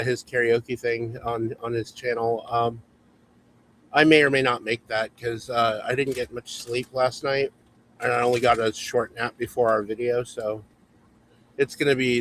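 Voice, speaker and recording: A man's voice: mid-range voice, little pitch movement, moderate pace, a bit bright, slight background noise, rough recording. Male host in his forties, casual and chatty, on a video call. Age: 40s. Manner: reads viewer comments aloud, chatty. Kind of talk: casual livestream chat.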